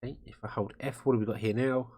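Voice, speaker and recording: A man's voice: medium pitch, steady tone, fast, a little mellow, slight background noise. A man giving live commentary on a game while he plays, rambling and thinking aloud. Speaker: game streamer. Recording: music playing under the voice. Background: guitar music.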